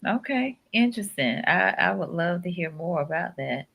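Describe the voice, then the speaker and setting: A woman host who briskly steers a conversational interview over a video call. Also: on the low side, expressive, gravelly, fairly bright tone.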